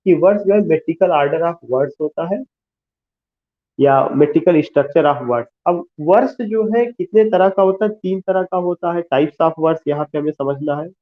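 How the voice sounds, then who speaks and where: Guy lecturing, slow and repetitive, bit high voice, tinny like a phone. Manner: explains slowly, repeats key terms, asks rhetorical questions. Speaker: teacher. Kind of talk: classroom lecture mixing Hindi and English.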